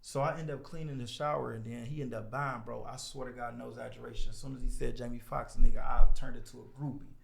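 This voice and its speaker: A man guest on a podcast telling a story in casual chat, animated and acting out the people he quotes. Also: mid-range voice, fast, gravelly, hardly any pauses, reverberant. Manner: animated, acts out quoted voices.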